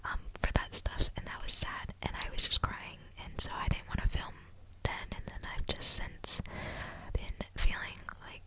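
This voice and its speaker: A woman in her twenties softly whispering an ASMR vlog very close, right in your ear, chatting casually in a rambling, confiding, hesitant way. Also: normal speed, rough recording. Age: 20s. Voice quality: soft unvoiced whisper. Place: small dim room at home, indoors. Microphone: desktop condenser microphone very close to the mouth, binaural.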